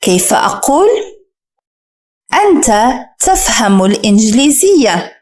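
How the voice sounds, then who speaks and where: A woman teaching a French lesson, speaking slowly and carefully and repeating each French word for the listener to copy. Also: on the high side, very animated, a little mellow. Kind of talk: scripted language lesson.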